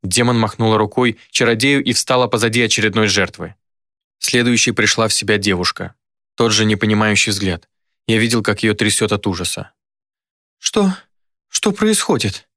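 A man reading a dark fantasy story aloud in a measured, grave first-person narration. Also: lowish voice, steady tone, no room sound, clean studio sound.

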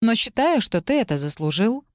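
A woman reading the lines of a calm, cold young woman student in an audiobook, in a composed and slightly mocking way. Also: fairly high pitch, normal speed, dry recording, studio quality, pitched above the performer's own voice. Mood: coolly mocking. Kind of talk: audiobook dialogue.

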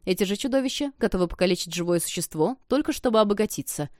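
A woman's voice: mid-range voice, lively intonation, quick pace, a little mellow, no room sound, clean studio sound, close to an everyday voice. Secretive old witch grandma, as a woman reads her. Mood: weary.

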